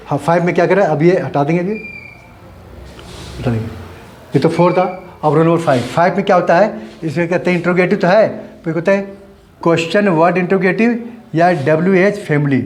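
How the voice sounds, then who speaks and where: A man's voice: on the high side, a little mellow, a little hiss or hum. A man with a slightly raised voice gives a grammar lesson. He repeats each step and checks that his students follow before moving on. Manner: repetitive, explains step by step while writing. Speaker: English teacher. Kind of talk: Hindi-medium grammar lesson.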